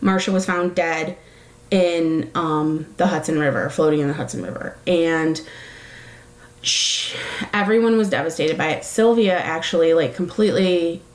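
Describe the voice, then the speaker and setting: A woman's voice: low-pitched, normal speed, roomy sound, poor audio. A woman talking casually, rambling with many fillers and correcting herself as she goes. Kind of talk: casual chat.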